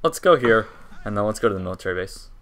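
A young man with hiccups, co-hosting a casual game session, excitable and prone to loud shouts and laughter. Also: fairly low pitch, fast talker. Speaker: let's play co-host. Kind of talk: casual gaming banter.

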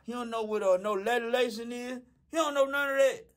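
Man doing a high-voiced, rambling loudmouth. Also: fairly quick. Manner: rambling, profane, full of slang and filler. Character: dim-witted, loudmouthed Southern man. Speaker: comedy radio character. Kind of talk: comic monologue.

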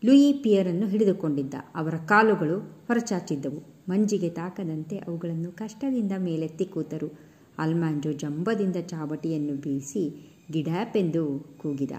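A woman reads a children's novel aloud as storybook narrator, her voice pitched a little low. Her tone is mellow and soft-edged, and she paces the story steadily with brief pauses between phrases.

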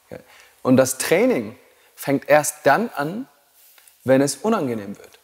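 A man's voice: a little high, a little mellow. A man teaching yoga teacher trainees in a blunt, provocative way and laughing at his own jokes. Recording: long hall reverb.

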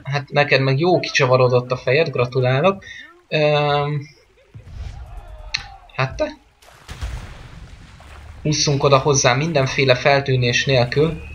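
A man's voice: mid-range voice, steady tone, pauses often, a bit bright, lo-fi sound, a little hiss or hum. A man giving casual, rambling let's-play commentary on a game, joking and chatting with the game's characters. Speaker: gameplay commentator.

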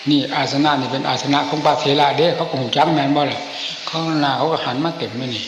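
An older man, a senior monk with an Isan northeastern Thai accent, telling stories from memory in an informal, animated old-man way and acting out the dialogue. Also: fairly high pitch, fast. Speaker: senior Buddhist monk reminiscing. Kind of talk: informal storytelling, reminiscing. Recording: echoey hall with clear background noise.

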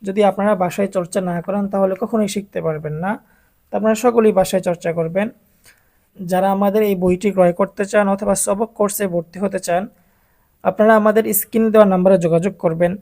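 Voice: mid-range voice, quick pace. Patient reading teacher. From Bangladesh. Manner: drills letter sounds in a steady repetitive chant; patient, addresses viewers directly. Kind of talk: recorded online reading lesson.

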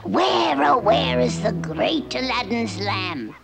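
A woman voicing a scheming old sea witch in a vintage cartoon, theatrical and wicked, with a creaky cackle. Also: a little high, sing-song, takes it slowly, loud music behind the voice, full character voice. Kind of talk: vintage cartoon villain acting.

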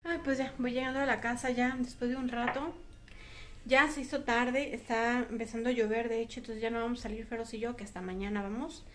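A woman's voice: on the high side, steady tone, brisk, background noise. A young Mexican woman with a Mexican accent, vlogging in a chatty, casual way and repeating phrases for emphasis. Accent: Mexican Spanish. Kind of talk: casual vlog chat.

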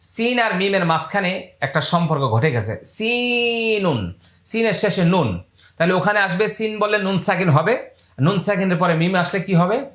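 Bright-voiced man teaching recitation, echoey room. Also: animated. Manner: explains slowly, counts beats aloud, then chants letters drawn out high. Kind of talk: step-by-step recitation lesson.

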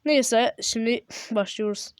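A young man with a sore throat giving casual, excitable commentary while playing a game, yelping and exclaiming when startled. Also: very high-pitched, slow, clean tone. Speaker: gameplay video host.

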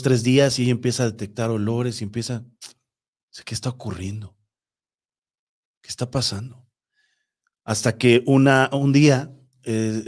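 A man's voice: mid-range voice, darkish tone. Man telling a spooky story. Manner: conversational, with filler words and restarts, addresses listeners directly. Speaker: host of paranormal story show. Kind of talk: spoken storytelling.

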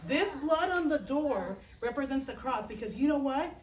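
Her voice is high and her pace normal as this middle-aged woman, a children's chapel teacher, acts out a Bible story with lively gestures and lots of energy, checking in with the children by saying "okay?". It's recorded from a distant camera, with no mic visible, in a small classroom, so it sounds roomy and echoey over a faint hiss.

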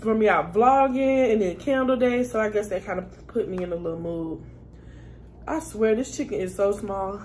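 A woman's voice: medium pitch, moderate pace, a little mellow, a little hiss or hum. A woman chatting casually to her viewers while eating a meal. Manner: chatty and laid-back, talks while eating. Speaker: vlogger. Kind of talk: casual mukbang chat.

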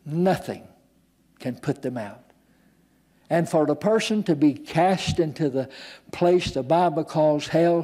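Dramatic preaching man, slow and deliberate. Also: a little high, dark tone. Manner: dramatic preaching, acting out quoted voices. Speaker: pastor. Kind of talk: sermon. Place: church.

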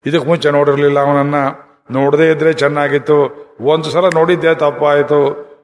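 A man delivering a devotional storytelling discourse, his voice pitched a little high. He breaks into chanted verses and turns to his listeners with questions. A long hall reverb rings behind every phrase. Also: little pitch movement, moderate pace. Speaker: religious discourse speaker.

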